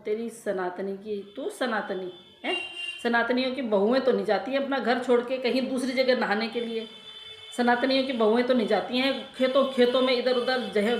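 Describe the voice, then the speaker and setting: A woman's voice: a little high, echoey room. A woman vlogger ranting to her viewers in scornful, insulting commentary that keeps circling back on itself. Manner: scornful, insulting, repeats herself.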